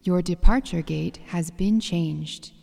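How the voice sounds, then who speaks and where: A woman's voice: lowish voice, slow pace, creaky, warm tone, long reverb tail, full character voice. A woman voicing a formal airport gate announcer in a scripted listening-test dialogue.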